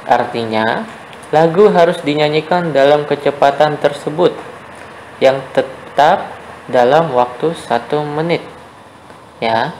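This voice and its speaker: A young man teaches a children's lesson in a patient, step-by-step way, checking in with his pupils as he goes. His voice sits a little high and has a gravelly edge. Faint background noise runs under the recording. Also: takes it slowly, long pauses, darkish tone, poor audio. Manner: patient, explains step by step, often asks "ya?". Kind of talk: online class lesson for children.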